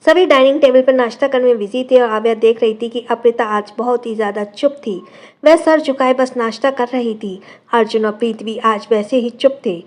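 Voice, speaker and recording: A woman narrating a scripted audio drama as a storyteller, in a steady, dramatic manner. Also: a little high, a little fast.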